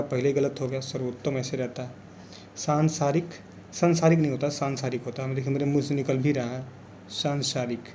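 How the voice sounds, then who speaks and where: A man's voice: medium pitch, mellow, a little hiss or hum. A man teaching an exam revision lesson, explaining patiently and repeating key words as he goes.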